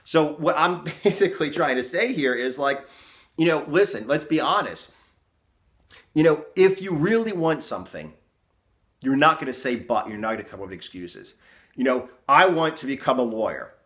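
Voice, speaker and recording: A man's voice: a little high, expressive, moderate pace, a bit bright. A man coaching in a blunt, profane motivational rant, tagging "okay?" and "you know" onto his points. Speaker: fitness and success coach.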